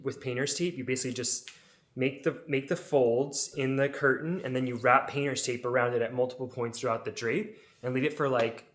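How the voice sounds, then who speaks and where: A man's voice: mid-range voice, steady tone, fairly quick, fairly bright tone. A man vlogging about his home makeover, explaining things in a casual, chatty way with informal asides to viewers.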